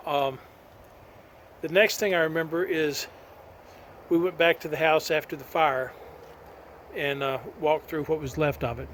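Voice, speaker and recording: A man's voice: a little high, steady tone, measured pace, long pauses, a bit bright, a little hiss or hum. Folksy man reading his story. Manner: folksy storytelling with homespun sayings. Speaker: author. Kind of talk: reading his own novel aloud, then telling the backstory.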